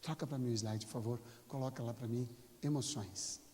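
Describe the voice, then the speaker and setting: A man preaching a sermon as pastor, telling stories and acting out dialogue with sudden loud bursts. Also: mid-range voice, moderate pace, a little hiss or hum. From Brazil. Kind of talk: sermon with storytelling. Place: church hall. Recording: church hall reverb.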